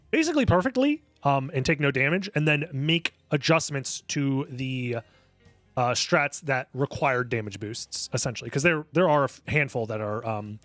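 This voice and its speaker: A man's voice: medium pitch, a bit bright, no room sound. A man giving casual speedrunner commentary, explaining his play analytically, step by step. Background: music under the voice.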